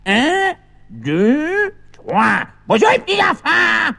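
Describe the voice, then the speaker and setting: A shouting, gravelly old grandpa. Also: male voice, very high-pitched, sing-song, takes it slowly, heavily acted. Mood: insistent. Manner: repeats himself, shouts greetings, mixes up stories. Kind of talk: children's record comic acting.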